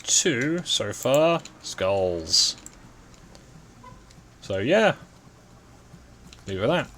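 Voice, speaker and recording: A man's voice: medium pitch, very animated, very slow, fairly bright tone, a little hiss or hum. A man chatting casually as the host while playing a game. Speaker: gaming streamer. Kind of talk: casual chat while gaming.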